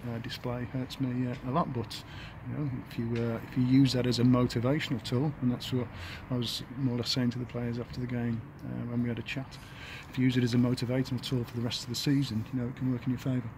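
A man in his fifties, an English football manager, giving a halting post-match interview outdoors by the pitch, full of fillers and restarts. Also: flat delivery. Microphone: handheld camera at close range. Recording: outdoor noise behind.

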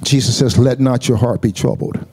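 Guy preaching a sermon, soft dark tone, lots of repeats and calls to the crowd. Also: mid-range voice, steady tone, normal speed. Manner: preaching with call-and-response asides; repeats words and restarts often. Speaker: pastor.

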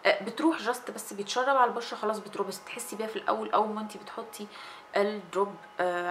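Fast-talking Egyptian woman reviewing skincare. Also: mid-range voice, a little hiss or hum. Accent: Egyptian Arabic. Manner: chatty, animated, gestures with her hands while talking. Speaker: beauty vlogger. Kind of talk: casual product review. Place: small indoor room with fairy lights.

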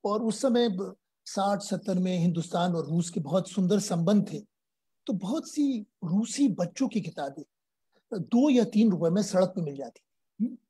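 An older man from Uttar Pradesh answers interview questions as a guest in an earnest, explanatory way, now and then switching into English phrases. His voice is mellow and dark-toned, with a husky, slightly rough edge. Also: high-pitched, lively intonation, measured pace. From India, Uttar Pradesh. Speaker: guest science popularizer.

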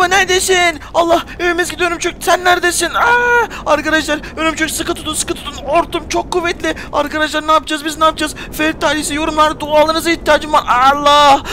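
Excitable male gaming host, fast and high, in-character Minecraft role-play. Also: slight background noise. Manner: excitable, addresses viewers constantly. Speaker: YouTube host playing the poor character.

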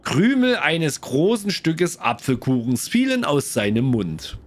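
Chatty, lively German-speaking streamer man. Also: fairly high pitch, a little slow. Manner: chatty, lively, addresses viewers. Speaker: let's play streamer. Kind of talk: casual game commentary and reading aloud.

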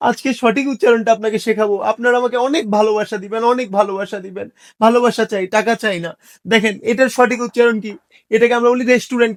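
A man teaching English pronunciation in a casual, joking way, teasing his viewers as he corrects them. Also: high-pitched.

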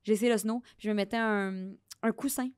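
A woman's voice: medium pitch, fairly even intonation, fairly quick, clean tone, dry recording, clean studio sound. A young woman with a Québécois accent, a guest telling self-mocking stories in a casual podcast chat. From Quebec. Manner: laughing, self-mocking storyteller.

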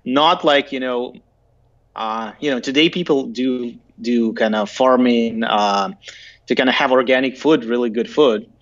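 A man in his thirties with a Belarusian accent, telling stories casually and haltingly as an interview guest. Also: medium pitch. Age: 30s. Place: indoor room, video call. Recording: dull lo-fi video-call audio.

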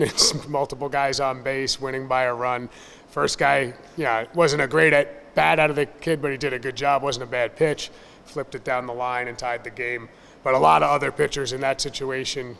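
A man in his thirties, a baseball coach, answering questions at a postgame press conference in a measured, upbeat, plain-spoken way from a table mic. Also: mid-range voice, creaky, a bit bright, in a large hall. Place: press room in front of a sponsor backdrop. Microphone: table mic on a stand.

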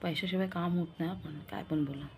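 A woman's voice: fairly low pitch, steady tone, fairly quick, darkish tone, a little hiss or hum. A young woman with a Marathi accent chatting in a rambling, confiding vlog style, repeating herself as she talks. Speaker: vlogger. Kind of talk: casual vlog chat.

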